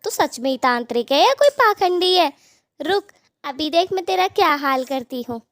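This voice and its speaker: A rude, cackling cartoon witch who loves mangoes, voiced by a woman. Her high voice leaps all over the place as she mocks and insults. The sound is dry and close. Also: animated, moderate pace, fairly bright tone, no echo. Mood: taunting. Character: rude mocking female mango-loving witch ghost.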